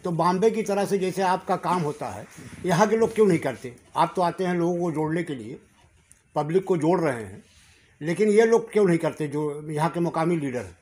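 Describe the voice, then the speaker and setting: A man's voice: a little high, lively intonation, a little fast, a little mellow. A man working as a reporter, asking pressing, insistent questions at a press conference.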